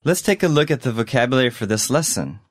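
A man hosting a language lesson, explaining phrases in a clear, measured way. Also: medium pitch, lively intonation, over loud music.

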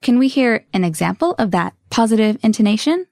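A woman's voice: on the high side, lively intonation, fairly quick, gravelly, a little mellow, no room sound. Brief: female lesson co-host, easy conversational tone, dry close recording. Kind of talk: scripted lesson chat.

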